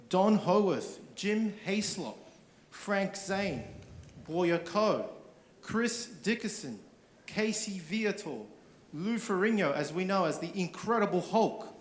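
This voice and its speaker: A man delivers a prepared tribute speech in a fairly high voice. His delivery is formal and measured, clearly read from a script. The venue's sound system gives it a strong echo. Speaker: event speaker. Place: large indoor event venue.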